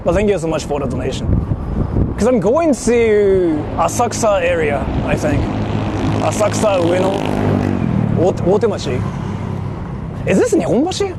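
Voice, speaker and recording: Very animated and high-voiced, a Japanese man pauses often as he talks at a moderate pace to his livestream viewers while driving in a city. His chat is casual, slangy, and explanatory, and the clear vehicle and traffic sounds of the street fill the background.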